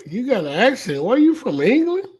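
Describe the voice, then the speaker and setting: A man with a fairly high voice hosts a relaxed livestream. He jokes and chats with a caller, talking loosely in a country manner. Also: moderate pace, slightly rough, lo-fi sound. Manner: casual, joking, Southern country speech. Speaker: show host. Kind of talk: casual livestream chat.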